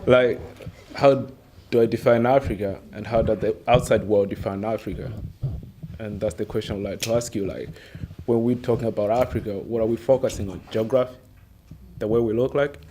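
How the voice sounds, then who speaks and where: A man's voice: fairly low pitch, steady tone, brisk, warm tone. A man from Tanzania asking a question from the floor at a panel, thoughtful and searching, with frequent fillers. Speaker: audience member asking a question. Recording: noisy room recording.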